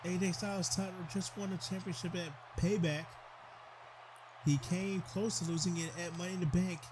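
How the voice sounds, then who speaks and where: A high-pitched man calls a video game match like a ringside commentator. He gets excited, trips over his words and shouts advice at the wrestlers. A steady hiss and game sounds sit under the voice. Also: normal speed.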